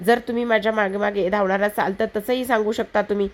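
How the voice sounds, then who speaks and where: A woman's voice: mid-range voice, steady tone, fast talker, lightly acted. A woman voicing a bold, cheeky young village girl who teases and talks nonstop. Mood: sassy. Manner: chatty, teasing, rambling nonstop.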